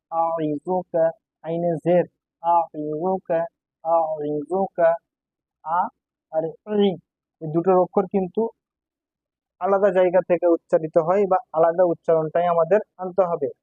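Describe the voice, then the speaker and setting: A man's voice: high voice, no room sound. A man teaching Quran reading, patiently spelling out syllables and repeating each word several times. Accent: Bangladeshi Bengali. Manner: patient, syllable-by-syllable drilling with repetitions. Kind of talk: spelling and recitation lesson. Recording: dull, lo-fi sound.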